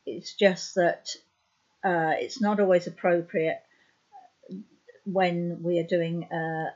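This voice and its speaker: A woman's voice: on the low side, fairly even intonation, darkish tone. A woman in her fifties with a sore throat, a trance medium explaining her work to camera, hesitant with many fillers. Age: 50s. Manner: slow and hesitant, many ums and uhs. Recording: dull lo-fi sound.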